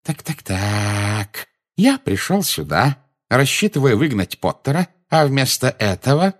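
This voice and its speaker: Heavily acted and creaky, this performance stretches words out across huge pitch swings. The man plays a gleeful, self-important middle-aged minister who blusters, gloats, and barks out shrill exclamations.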